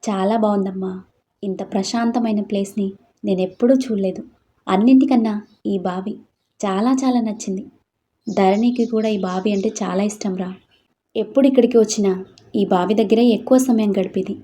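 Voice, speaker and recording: A woman voicing a quiet, troubled young man who speaks calmly in a storybook reading. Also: medium pitch, normal speed, long pauses, natural voice. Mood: wistful.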